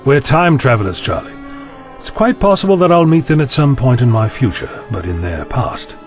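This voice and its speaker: In an audio drama, a man plays a courteous, wry time-travelling eccentric who has lost his memory, speaking formally, wordily and inquisitively in a thoughtful, puzzled mood. His mid-range voice swings widely in pitch at normal speed, close to an everyday voice, with faint music behind.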